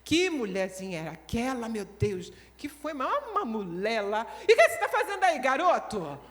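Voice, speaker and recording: A woman's voice: on the high side, wildly swooping pitch, slow pace, darkish tone, full character voice. A woman voicing a church worker who comes home grumbling and scolds her son. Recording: long church-hall reverb.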